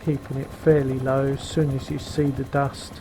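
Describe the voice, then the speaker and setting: With little pitch movement in his very deep voice, a middle-aged man chats casually through a flight sim video, explaining his moves as he flies a virtual helicopter. He's slow-paced and uses frequent fillers, recorded on a cheap headset mic under loud engine and rotor noise.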